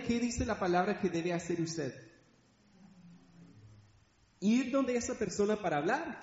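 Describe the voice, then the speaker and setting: Slow, echoey preacher man. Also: high-pitched. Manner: asks the congregation rhetorical questions. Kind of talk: sermon. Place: church hall. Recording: echoey hall, dull sound.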